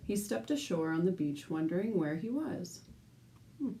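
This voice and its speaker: Reading a picture book aloud with lots of expression, a woman teacher speaks as though to young listeners, animated and full of asides and questions for them. Her voice is on the low side and moves at a moderate pace. A little hiss or hum runs underneath.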